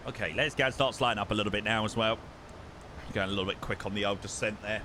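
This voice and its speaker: A man's voice: on the low side, fast, pushed and bright, a little hiss or hum. A British man chatting casually and matily on a flight simulator livestream, often repeating words as he comments on his flying.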